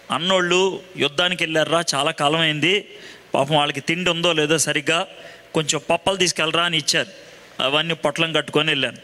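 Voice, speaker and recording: A man's voice: on the high side, bright, forceful tone. A man preaching in the voice of a bold young shepherd boy, recounting his childhood plainly in the first person. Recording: long hall reverb.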